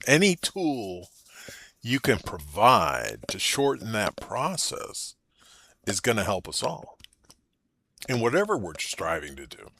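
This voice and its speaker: A man hosting an interview, offering slow, measured comments. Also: on the low side, bright, forceful tone. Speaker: interview host. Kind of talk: casual interview talk.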